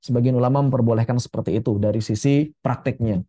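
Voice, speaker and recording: A man teaching Quran recitation with a mellow, warm tone at a mid pitch. He explains pronunciation rules casually, then demonstrates each Arabic sound slowly and repeats it several times. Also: husky. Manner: relaxed, chatty asides. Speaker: tajwid teacher.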